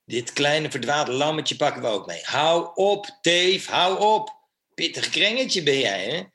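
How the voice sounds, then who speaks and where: A man's voice: fairly high pitch, lively intonation, unhurried, pushed and bright. An actor playing a crude, brutal male riot police officer who barks vulgar orders. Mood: bullying. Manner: barking, vulgar.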